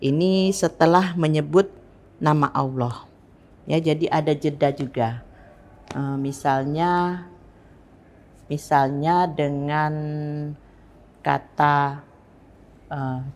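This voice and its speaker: A woman from Palembang teaching recitation technique, speaking slowly and deliberately and demonstrating sentence intonation. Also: deep voice, darkish tone. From Palembang, Indonesia. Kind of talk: instructional lesson on recitation technique.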